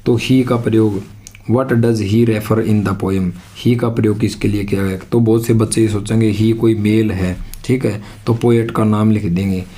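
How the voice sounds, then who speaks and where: Guy teaching english for exams, explains step by step, keeps asking himself questions, deep-ish mellow voice. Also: fairly even intonation, measured pace. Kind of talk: exam-prep lesson.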